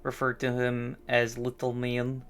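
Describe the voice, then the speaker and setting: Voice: medium pitch, completely flat delivery, unhurried, a bit bright, clean tone. A streamer hosting a live stream, chatting casually in a musing, rambling way with frequent restarts. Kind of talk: casual chat.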